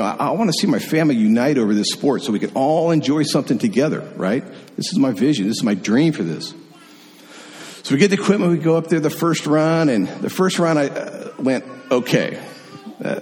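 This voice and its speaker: A middle-aged man preaching a sermon, telling a personal story in an animated, conversational way. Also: mid-range voice. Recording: long hall reverb.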